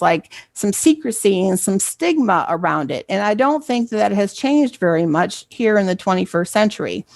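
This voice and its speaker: A woman's voice: medium pitch, no echo. A middle-aged woman, a library program coordinator, giving a presentation in a conversational storytelling way and often checking in with "right?". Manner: conversational, asks "right?" for assent.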